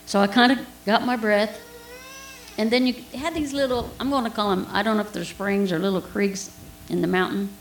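A woman's voice: medium pitch, fairly quick, roomy sound, slight background noise, rough recording. A woman giving an informal Bible teaching, telling a personal story in a chatty way with laughs and asides.

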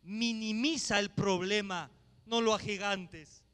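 A man preaching a sermon as pastor, swinging from hushed asides to shouted exhortation. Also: sits high, steady tone, slow pace, clear, resonant tone.

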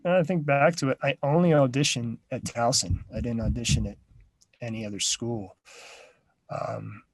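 A man's voice: mid-range voice, normal speed, slightly rough, no echo, poor audio. A man in his thirties speaks as an interview guest, telling his story at an easy pace with plenty of fillers and restarts. His voice sits in an ordinary middle register, recorded close and dry with no room sound. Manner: relaxed storytelling with fillers and repeated words. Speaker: interview guest, drummer and drum teacher. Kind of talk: casual interview.

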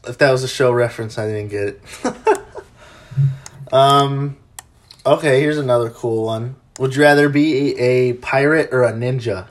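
Man, podcast host, casual chat, mid-pitched voice, loose and chatty. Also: unhurried. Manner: chatty, many fillers, laughs easily.

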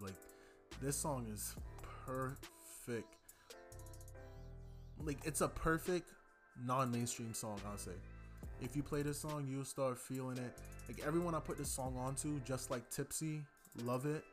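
Soft music plays behind a young podcast host as he casually reviews an album, rambling and filling gaps with fillers. His voice is medium-pitched and a bit bright, and he takes his time.

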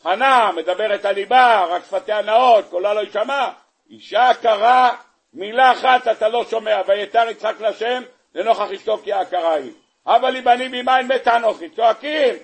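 A man, a rabbi, giving a sermon on the weekly Torah portion, telling the story in an animated way and throwing rhetorical questions at his listeners. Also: high-pitched, breathy edge. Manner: animated storyteller, acting out the scenes; asks the audience rhetorical questions.

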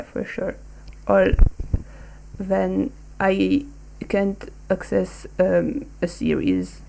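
Slow, gravelly-voiced young woman. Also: on the low side, warm tone, rough recording. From Hungary. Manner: hesitant, many ums. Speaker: podcast co-host. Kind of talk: casual discussion.

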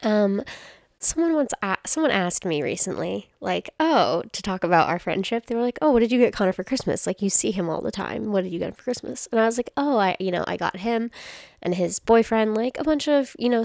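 Young woman podcast co-host, chatty and giggly, vocal fry, dead-dry sound. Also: medium pitch, darkish tone, no echo. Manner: giggly, rambling, self-deprecating. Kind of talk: casual chat.

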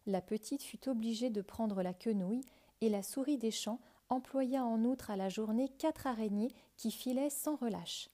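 A woman reads a fairy tale aloud in a calm, measured way. Her voice is mellow and sits fairly high. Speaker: storyteller.

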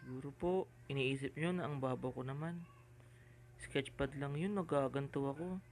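A man's voice: fairly high pitch, normal speed, slight background noise, low-quality recording. A man voicing a shy, tearful young boy who speaks politely and hesitantly in an audio drama. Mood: sad, hesitant. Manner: polite, hesitant, softly upset.

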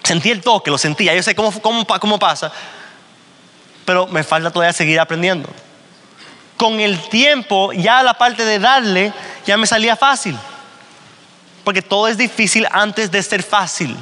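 Guy giving a pep talk at a business meeting, high bright voice, keeps asking "right?", big echoey hall. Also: normal speed, long pauses. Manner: storytelling, often asks "¿verdad?". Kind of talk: motivational talk. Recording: long hall reverb.

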